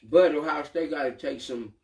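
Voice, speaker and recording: A man's voice: a little high, normal speed, distant mic. A man co-hosting a casual sports chat, talking emphatically in loose, slangy speech and often tacking on "man.". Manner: emphatic, colloquial, says "man" a lot. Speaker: sports talk co-host.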